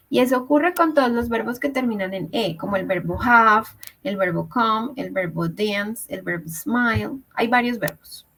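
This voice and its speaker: A woman's voice: mid-range voice, poor audio. A woman teaching English grammar in an online class, explaining step by step and checking in with her students. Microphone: video call.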